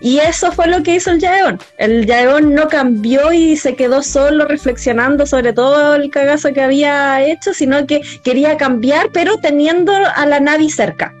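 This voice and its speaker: A woman's voice: sits high, normal speed, few pauses. A young woman with a Chilean accent chatting casually, explaining a plot with frequent hesitations. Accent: Chilean Spanish. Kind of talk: casual chat recapping a story. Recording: faint music behind.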